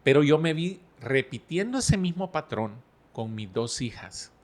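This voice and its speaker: A middle-aged man, a podcast guest who talks calmly and explains with stories and analogies. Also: fairly high pitch. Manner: storytelling, explains with analogies, calm and measured. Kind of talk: relaxed podcast conversation.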